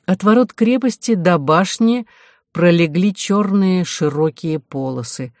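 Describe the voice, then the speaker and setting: A reader narrating a novel in an even, slow, dry manner. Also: medium pitch, no room sound. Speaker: audiobook reader. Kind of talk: scripted narration of a historical adventure novel.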